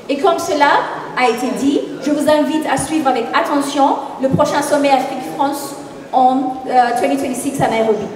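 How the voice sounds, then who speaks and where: Kenyan woman wrapping up a conference, high voice, super echoey hall, mic far away. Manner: measured, formal, occasional self-corrections. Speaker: program manager and moderator. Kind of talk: conference closing summary.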